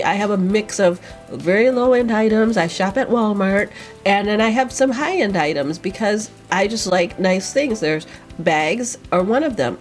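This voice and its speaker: Chatty woman vlogger with a stuffy cold. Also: medium pitch. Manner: rambling, chatty, with fillers. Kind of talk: casual chat.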